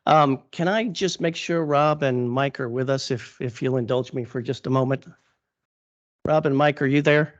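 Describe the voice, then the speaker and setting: Halting man with a tired voice. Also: mid-range voice, no echo, muffled recording. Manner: halting, many fillers and restarts. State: losing his voice. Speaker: attorney for a land applicant. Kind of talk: formal presentation at a public meeting. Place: council chamber.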